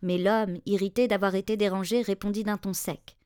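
A woman narrating a fairy tale in a measured, expressive reading voice. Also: medium pitch, clear, resonant tone, dry recording, studio quality. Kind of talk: storybook narration.

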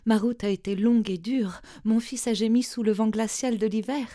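A woman voicing a poor, weary mother who speaks softly and imploringly in a storybook reading. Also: a little high, fairly even intonation, moderate pace, close to an everyday voice. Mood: weary relief. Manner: soft, imploring.

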